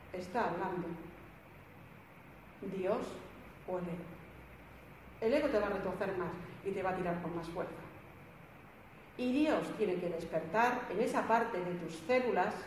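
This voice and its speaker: A woman's voice: on the low side, measured pace, pauses often. A woman giving an emphatic spiritual talk to a group, repeating phrases and acting out what people said. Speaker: spiritual speaker. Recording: echoey hall, some background noise.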